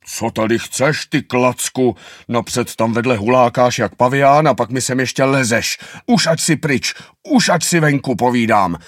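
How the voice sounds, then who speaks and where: A furious ancient turtle lady bellows at anyone who disturbs her peace, as a male reader puts her on. Her voice is raised above his usual register and loud, scolding like an old neighbour banging on the wall. A children's storybook reading. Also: fairly high pitch, huge pitch swings, few pauses, dry recording, studio quality, pitched above the performer's own voice. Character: cranky three-hundred-year-old female turtle, shouting.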